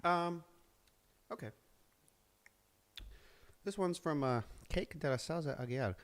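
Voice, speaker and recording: A man's voice: a little high, slow pace. A man from the United States co-hosting a casual chat show while eating hot peppers, chatty and often trailing off mid-sentence. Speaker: co-host.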